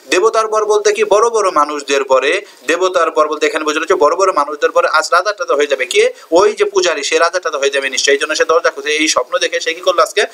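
A man's voice: a little high, bright, forceful tone. A man teaching a poem line by line. He reads each verse, then asks and answers his own questions to explain it.

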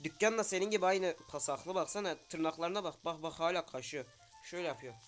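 Man chattering over a game, bursting out loud. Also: fairly high pitch, quick pace, faint music behind. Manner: talks to game characters, loud sudden outbursts. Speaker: gaming streamer. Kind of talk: casual game commentary.

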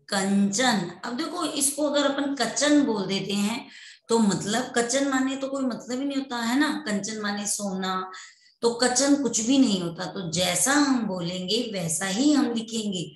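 A woman teaching Hindi to young children in an online class, slowly and patiently repeating words for them to say back. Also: medium pitch, reverberant. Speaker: primary school Hindi teacher.

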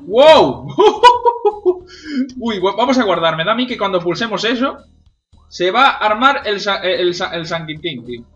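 A man commenting on his gameplay at home. His high, bright voice leaps wildly in pitch as he swears and yells at enemies on screen. Faint game music plays behind him. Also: a little fast, lo-fi sound. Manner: excitable, swears and shouts at enemies. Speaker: gamer. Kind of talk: let's-play commentary.

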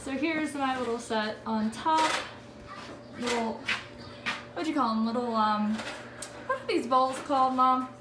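High-voiced young woman rambling through a house tour. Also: unhurried, long pauses. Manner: rambling, giggly, self-deprecating. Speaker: vlogger giving a house tour. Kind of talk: casual house-tour narration. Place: cluttered home at night, handheld phone walkthrough. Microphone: phone camera held by the walker. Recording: noisy home recording.

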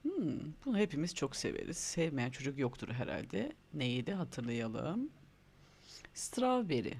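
Encouraging male teacher with a gravelly voice. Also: mid-range voice, very animated, normal speed, a little mellow. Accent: Turkish. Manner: encouraging, prompting children to repeat words. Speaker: primary school English teacher. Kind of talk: online lesson for young children.

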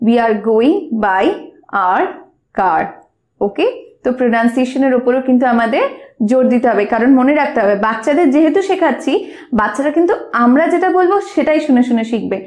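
A woman with a Bengali accent teaching spoken English, saying example sentences slowly and carefully spaced. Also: fairly high pitch, echoey room.

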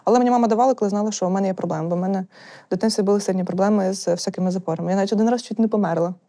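A young woman chatting candidly as a guest, telling stories in a rapid, animated way. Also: mid-range voice. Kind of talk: candid casual chat.

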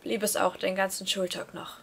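A woman reading a first-person novel aloud at a steady storytelling pace. Her voice sits in a middle range. She grows expressive and lifts her voice when the narration turns anxious. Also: medium pitch, normal speed, creaky, slightly rough. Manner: expressive, rising with excitement in tense passages. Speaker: reader.

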